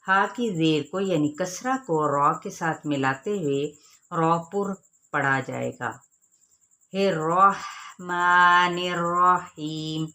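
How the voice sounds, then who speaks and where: A woman teaching a recitation lesson, explaining each sound patiently and then modeling it in slow, drawn-out chanting. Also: sits low.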